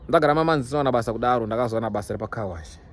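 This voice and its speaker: A man's voice: mid-range voice, rapid-fire. A young man with a Zimbabwean accent, chatting casually to his followers as a vlogger in an emphatic, repetitive way, mixing in English phrases. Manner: emphatic, repeats himself for stress. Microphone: phone. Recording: noisy background ambience, phone recording.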